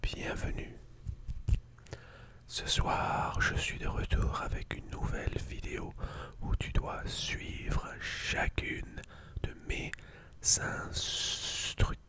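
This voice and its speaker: An ASMR host whispering intimately right into the listener's ear, giving slow, soothing, gentle instructions.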